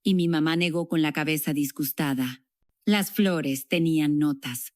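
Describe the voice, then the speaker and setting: A woman telling her own story for a documentary in a reflective, measured way, as a dubbed voice-over. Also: deep voice, darkish tone, no room sound. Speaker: interviewee recounting her past.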